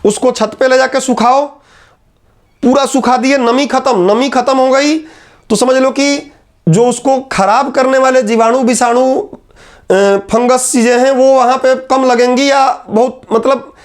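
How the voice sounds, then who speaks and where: Man, teacher, very high pitch, chatty lecture, teasing asides, repeats terms slowly, whiteboard classroom. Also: steady tone.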